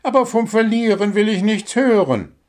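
Sharp and sarcastic, the tiny bird coach in this storybook reading scolds his football team in a shrill, piping tone. He's loud and firm, pitched high above a regular voice, and sounds animated at a moderate pace.

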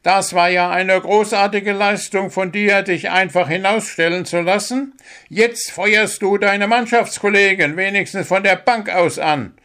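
A man's voice: high-pitched, a little slow, bright, forceful tone, clean tone, voice pushed up. A man voicing a small, strict bird who coaches a football team, scolding and sarcastic.

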